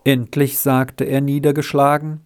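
A man reading a children's story aloud in a slow, measured narrating voice. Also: mid-range voice, flat delivery. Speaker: audiobook reader. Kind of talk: scripted narration.

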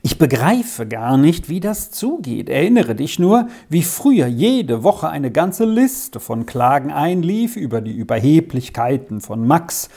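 A woman voicing a puzzled middle-aged magistrate who muses to his wife in an animated way in a storybook reading. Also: sits low, a little slow, few pauses, husky, full character voice.

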